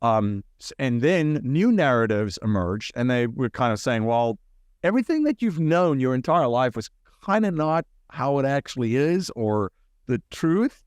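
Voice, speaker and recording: A man's voice: mid-range voice, very animated, normal speed, darkish tone, smooth, no echo, studio quality. A man from South Africa, a podcast guest, telling his story earnestly with frequent restarts. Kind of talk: conversational interview.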